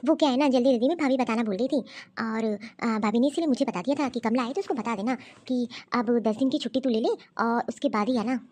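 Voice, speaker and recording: A woman's voice: a little high, a little fast, hardly any pauses, a little mellow, close to an everyday voice. Woman voicing a scheming bossy sister-in-law. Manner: sly, coaxing, bossy. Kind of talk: animated cartoon story voice acting.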